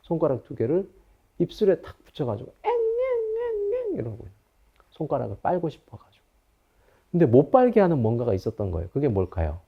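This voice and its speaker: A psychology professor in his fifties delivers a recorded lecture. He speaks with a very expressive, wide-ranging pitch and a storyteller's manner. The audio is a little dull and lo-fi. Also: fast talker, creaky, husky. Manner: storytelling lecturer who acts out anecdotes.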